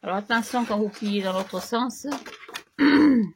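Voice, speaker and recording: A woman hosting a crafting tutorial, chatting casually as she works, slightly hoarse and clearing her throat now and then. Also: on the high side, a little hiss or hum. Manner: slow, chatty, talks to herself while working.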